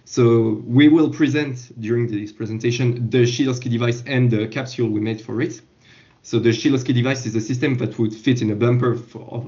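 Guy on a video call, mellow voice, muffled audio, kinda halting. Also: mid-range voice. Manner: casual, halting, with fillers. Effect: heard over a video call. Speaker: engineering team leader presenting. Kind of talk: online project presentation.

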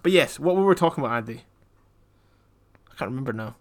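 A young man from Scotland in casual podcast chat, telling jokes in a flat deadpan way and wandering off on tangents. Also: mid-range voice, fast. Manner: deadpan, rambling joke-telling. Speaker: podcast co-host.

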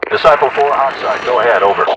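A man's voice: mid-range voice, fast talker, lo-fi sound. A man playing a male base radio controller who gives orders in clipped radio procedure, heard over a military radio. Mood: brisk. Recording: distant noisy radio transmission.

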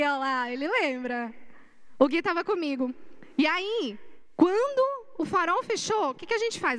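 A young Brazilian woman giving an animated testimony sermon in a church, telling a story straight to her youth audience. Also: high voice, dry recording. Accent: Brazilian Portuguese.

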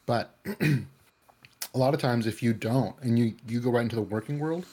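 A man from the California Bay Area talks casually in an interview, his voice medium-pitched, mellow, and moderately paced. It's relaxed conversation, and he rambles with lots of fillers and restarts.

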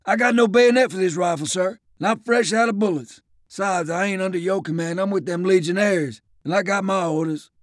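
A man's voice: high voice, a little fast, dry recording, studio quality, voice pushed up, natural voice. A male narrator voicing a blunt, fatalistic soldier with a drawl. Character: frightened Southern American soldier, man, blunt and fatalistic.

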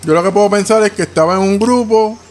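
A man's voice: high voice, fast, darkish tone. A Puerto Rican man co-hosting a casual podcast, teasing the others with pointed questions and jokes. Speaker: podcast co-host.

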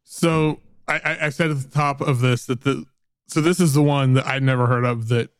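A male podcast host talks casually about music he loves, relaxed and enthusiastic, with a curse here and there. His voice sits in a middle pitch. The recording is dry with no room sound. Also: moderate pace, smooth, no room sound.

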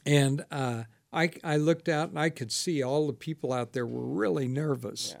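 A man's voice: fairly high pitch, normal speed, vocal fry, no echo, studio quality. A man hosting a ministry talk show as pastor, asking questions, telling stories and laughing often. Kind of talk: casual ministry interview.

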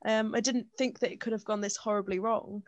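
A woman's voice: mid-range voice, steady tone, fairly quick, dry recording, dull audio. A young woman co-hosting a podcast, telling stories in a chatty way with lots of fillers. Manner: chatty storytelling, many fillers and restarts. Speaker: podcast co-host. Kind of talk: casual chat.

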